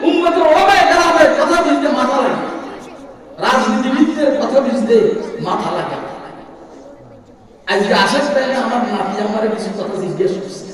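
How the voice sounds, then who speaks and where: A man's voice: very high-pitched, expressive, normal speed, long pauses. An older man from Bangladesh preaching a fiery sermon, who keeps firing rhetorical questions at the crowd. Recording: echoey hall, voice from far off.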